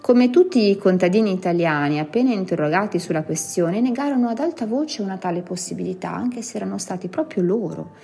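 A woman reading a classic short story aloud, measured and expressive. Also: medium pitch, vocal fry, a little hiss or hum. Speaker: reader. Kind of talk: literary audiobook reading.

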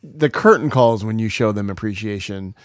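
Relaxed man, casual podcast chat. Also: lowish voice, normal speed, dry recording, clean studio sound. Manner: relaxed, lots of "like" and "um". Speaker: podcast co-host.

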